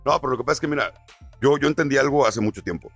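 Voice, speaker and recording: A man's voice: mid-range voice, rapid-fire, creaky, fairly bright tone, faint music behind. A man who works as a radio announcer, telling stories in casual podcast chat full of slang. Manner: storytelling, peppered with slang.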